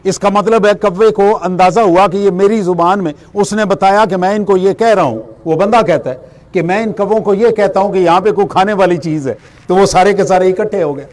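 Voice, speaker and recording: A man's voice: high-pitched, a little mellow. A man giving a spiritual lecture. He explains everyday examples and asks and answers his own questions. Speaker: religious speaker.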